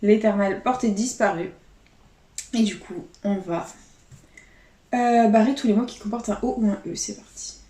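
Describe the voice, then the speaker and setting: A woman's voice: mid-range voice, moderate pace, long pauses, mellow. A woman vlogger giving casual running commentary to her viewers, chatty and steadily calling out letters and numbers. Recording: roomy echo, faint background noise.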